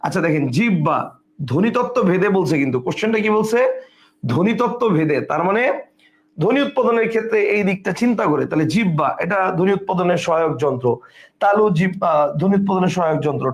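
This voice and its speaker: Male tutor, high bright voice, brisk self-quizzing grammar lesson with English words mixed in. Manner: explains step by step, asks and answers his own questions; mixes English words into his speech. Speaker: teacher. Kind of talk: exam-prep grammar lesson.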